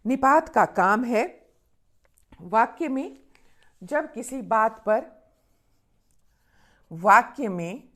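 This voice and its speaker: A woman teaching a grammar lesson, who reads example sentences slowly with stress and keeps checking in with her students. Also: on the high side, lively intonation, fairly bright tone. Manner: often checks in with "ठीक है ना?". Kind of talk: classroom-style grammar lesson.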